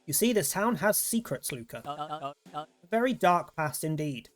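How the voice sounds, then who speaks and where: A man voicing a sly, secretive grown man who speaks in a slow, looming way. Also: on the high side, expressive, faint music behind. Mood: ominous.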